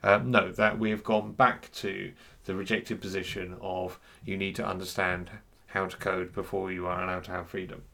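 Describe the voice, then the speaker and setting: A man giving an unscripted talk on software freedom, hesitant and full of fillers and restarts. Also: low voice, little pitch movement, normal speed, vocal fry. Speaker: speaker on free software.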